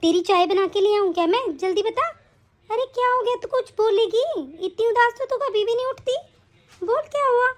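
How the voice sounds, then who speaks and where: A woman voicing a caring older mother in an animated story, coaxing her daughter affectionately. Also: very high-pitched, moderate pace. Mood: concerned.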